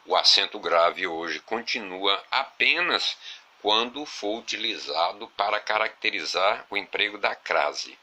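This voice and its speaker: A man teaching a grammar video lesson, explaining slowly and repeating examples with small fillers. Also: deep voice, bright, forceful tone.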